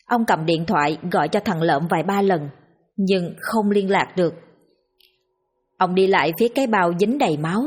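A woman narrating a scripted horror story in a steady, grim, dramatic manner. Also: mid-range voice, breathy edge.

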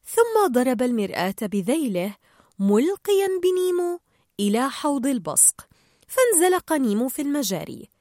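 Lively woman reading a storybook aloud. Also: high-pitched, moderate pace, no echo, studio quality. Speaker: narrator. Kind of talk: storybook read-aloud narration.

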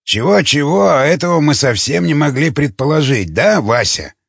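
Man doing a grumbling, practical companion. Husky, plain. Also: fairly high pitch, lively intonation, normal speed, no room sound, muffled recording, heavily acted.

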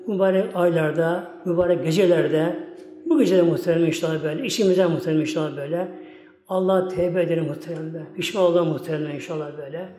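A man's voice: fairly high pitch, mellow. A man preaching a religious talk in a mosque, telling folksy stories in a rambling way and repeating his address to the congregation again and again. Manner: keeps repeating "my esteemed ones" and "like this". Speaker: Islamic preacher. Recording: echoey hall with long reverb, faint music.

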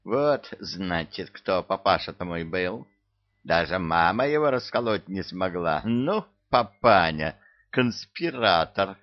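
A man voicing an ancient, impatient sorcerer king who talks in an excitable, colloquial way. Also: low-pitched, slow pace, highs cut off.

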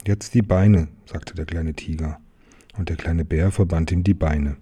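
A man calmly reading a children's book aloud, chapter by chapter. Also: rumbling low, moderate pace, slightly rough. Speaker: storyteller.

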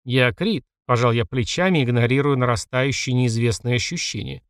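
A man's voice: medium pitch, fairly even intonation, a little fast, smooth, no echo, studio quality. Man narrating a wry audiobook. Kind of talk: first-person fantasy narration.

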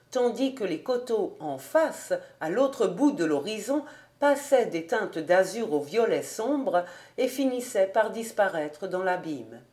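Woman, audiobook narrator, slow measured reading, mid pitch. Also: darkish tone. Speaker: audiobook reader. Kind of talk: scripted narration of a classic novel.

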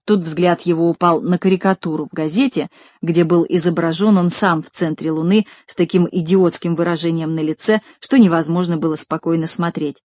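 Expressive woman reading a storybook. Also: fairly low pitch, brisk, no room sound. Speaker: audiobook reader. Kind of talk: scripted storybook narration.

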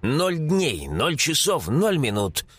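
A brash young mage, voiced by a male narrator, fires off mocking, impatient retorts. His husky voice swings widely in pitch. He sounds cocky and sure of himself. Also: huge pitch swings, takes it slowly, fairly bright tone, dry recording, heavily acted. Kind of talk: audiobook character voice.

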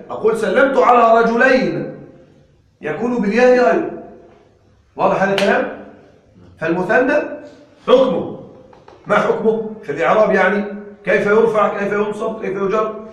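A man teaches a grammar class and keeps asking his students questions as he goes. His voice sits high. He is caught by a distant mic, and the room's echo is heavy. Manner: drills with questions to the students, slow on examples. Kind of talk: classroom lesson. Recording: echoey room from far off.

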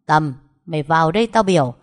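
Woman voicing a scheming sister-in-law, sharp-tongued, scolding, sneering, storybook. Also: on the low side, sing-song, a little fast.

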